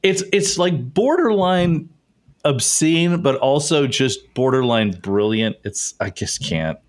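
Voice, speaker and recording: A man's voice: medium pitch, lively intonation, slow pace. A man co-hosting a sports podcast in casual chat, laughing often and trailing off mid-sentence. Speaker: podcast co-host.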